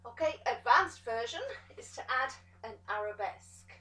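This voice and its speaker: A woman pilates instructor giving calm step-by-step cues to an exercise class, encouraging as she goes. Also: a little high, moderate pace, recorded from a distance, soft background music. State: out of breath at times. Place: pilates studio room. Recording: echoey studio room, voice from off the mic.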